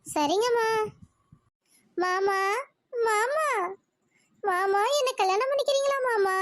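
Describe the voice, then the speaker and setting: A woman's voice: very high-pitched, takes it slowly, no room sound. A woman voicing a lovestruck, teasing young woman in a cartoon, coy and playful. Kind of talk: cartoon voice acting.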